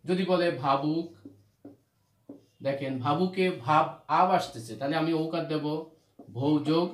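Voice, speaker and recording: A man's voice: fairly high pitch, unhurried. A man from Bangladesh teaching a grammar lesson, repeating rules and asking questions that he answers himself. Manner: repetitive, asks questions then answers them. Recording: roomy echo.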